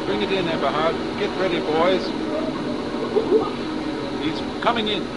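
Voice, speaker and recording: An actor playing a prim, fussy pit boss, heard over a noisy race radio. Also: male voice, sits high, a little slow.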